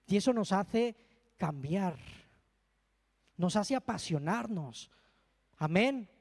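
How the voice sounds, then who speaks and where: A man's voice: sits high, lively intonation, slow pace, creaky. A man preaching a sermon in a church and telling a heartfelt personal testimony. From Spain. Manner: earnest, heartfelt storytelling with emotional asides. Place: church hall. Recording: long reverb of a church hall.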